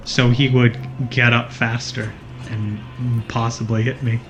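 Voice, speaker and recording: A man's voice: medium pitch, flat delivery, a little slow, music in the background. A man commentating on a video game, explaining its mechanics with dry, wry remarks. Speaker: let's play commentator. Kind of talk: casual gaming commentary.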